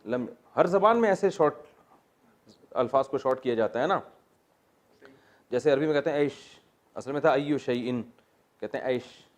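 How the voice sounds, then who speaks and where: Man teaching a slow grammar class. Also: mid-range voice. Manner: explains slowly, repeats Arabic word forms, joking asides. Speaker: religious teacher. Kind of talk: Quran grammar lesson.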